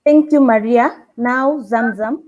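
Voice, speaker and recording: A woman moderating a webinar panel on a video call, polite and steady. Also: on the high side, slow pace, dull audio.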